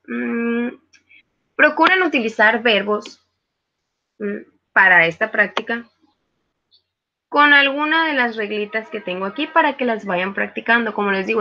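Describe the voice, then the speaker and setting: A woman's voice: a little high, sharp tone, dull audio, slight background noise. A woman, a virtual tutor giving a live online class, explaining patiently with frequent hesitations. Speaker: virtual tutor teaching English.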